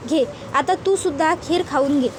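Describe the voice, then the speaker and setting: A woman's voice: high-pitched, moderate pace, noisy background, close to an everyday voice. A woman voicing a scheming middle-aged mother who talks coldly and coaxingly.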